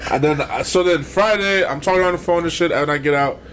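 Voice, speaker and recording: A man's voice: fairly high pitch, brisk, slight background noise. A young man, a podcast co-host, telling a date story in casual chat, swearing and acting out what was said. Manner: storytelling, animated, swearing, acts out quotes.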